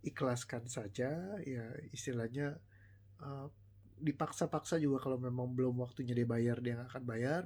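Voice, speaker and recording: A man with a middle-range voice coaches his audience in a relaxed, live motivational talk. He tells stories conversationally and slips into slang and the odd English phrase. When he acts out what other people said, his pitch jumps. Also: slightly rough. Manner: conversational, storytelling, mixes slang and English words; animated, voices quoted people with rising pitch. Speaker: life coach.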